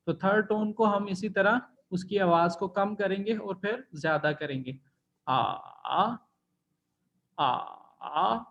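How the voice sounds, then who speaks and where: A man's voice: high-pitched, normal speed, hardly any pauses, a bit bright, muffled recording. A man teaching an online language class, explaining patiently step by step and drawing out sounds to demonstrate tones. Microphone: computer mic in video call.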